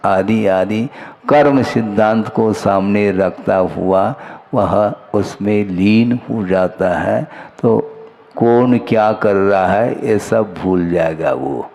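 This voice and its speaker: A middle-aged man, a Jain monk, delivering a measured sermon and voicing the listeners' questions himself. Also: fairly low pitch, gravelly, a little mellow.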